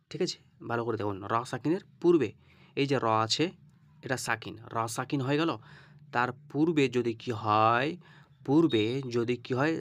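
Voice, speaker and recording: A man teaching Quran reading, spelling out letters and vowel marks step by step and often checking "okay?". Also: medium pitch. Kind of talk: lesson on reading Arabic letters.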